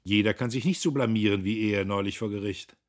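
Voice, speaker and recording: A man voicing a snobbish, teasing young woman, husky and condescending. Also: fairly low pitch, brisk, voice pushed up, close to an everyday voice. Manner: condescending, sly.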